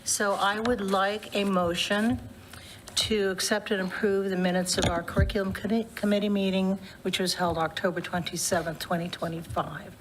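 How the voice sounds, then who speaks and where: A woman chairing a public committee meeting, relaxed and chatty, with a voice she says she is losing. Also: mid-range voice, moderate pace, background noise. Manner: warm, loose, laughs between remarks. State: losing her voice.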